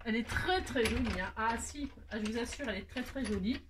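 A woman's voice: a little high, brisk, noisy background. A French woman hosting a crafting tutorial, talking to herself as she works, with exasperated sighs and small laughs. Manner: muttering, self-talking, exasperated asides and little laughs. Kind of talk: chatty hands-on crafting tutorial.

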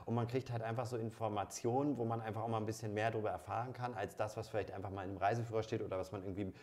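A man's voice: fairly low pitch, fairly even intonation, rapid-fire, darkish tone. A man in his thirties hosting a podcast, chatting casually with many fillers and restarts. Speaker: podcast host. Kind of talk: casual interview chat. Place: studio room with dark backdrop.

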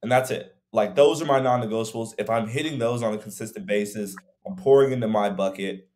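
A man's voice: lowish voice, fairly quick, darkish tone. A young man, a fitness coach co-hosting a podcast over a video call, talking in a reflective, rambling way with many fillers. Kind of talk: casual podcast conversation. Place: room at home.

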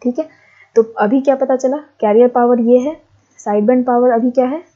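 Working through a derivation on the board, this woman teacher keeps a steady, patient pace at normal speed, going back over steps and asking herself what comes next. Her voice is very dark and mellow, pitched slightly high, and the lo-fi recording comes across muffled and dull.

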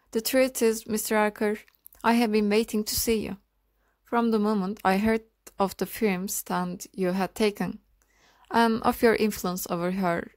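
A woman reading aloud plays a grandly sentimental older aunt from the upper crust. She gushes and lays it on thick, in a mid-pitched voice, as in an audiobook. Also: no echo, lightly acted. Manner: gushing, theatrical.

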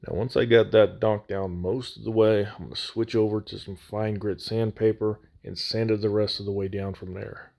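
Recorded on a slightly echoey phone microphone, a man who hosts a scale model building channel talks viewers through a hands-on hobby tutorial. His fairly low, gravelly voice is a little mellow, shows little pitch movement, and runs at a moderate pace with few pauses, all in a casual, folksy, plain-spoken style.

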